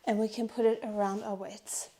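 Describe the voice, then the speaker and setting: This Pilates instructor speaks in a warm, medium-pitched voice with a level tone and moderate pace. She leads a strength workout while out of breath, cueing every move, counting reps and urging participants on.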